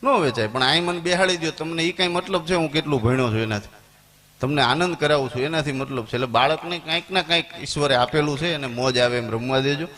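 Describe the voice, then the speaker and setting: A man, telling stand-up comedy stories to a live audience and jumping into high squeaky voices for his characters. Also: fast, fairly bright tone. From Gujarat, India. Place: stage before a live audience.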